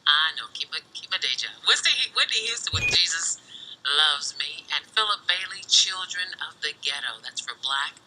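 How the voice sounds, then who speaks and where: Speaking from a radio studio into a broadcast microphone, a woman with a low, animated voice at normal speed announces for a gospel music program. She's an American guest host, cheerfully welcoming listeners and reading out dedications in lively DJ chatter. Background noise and music run beneath this radio aircheck.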